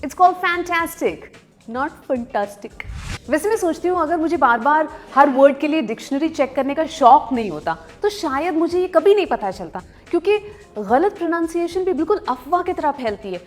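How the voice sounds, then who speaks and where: A young woman giving a casual, playful pronunciation lesson, slowing right down to model each word. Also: sits high, lively intonation, soft background music. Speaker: pronunciation teacher.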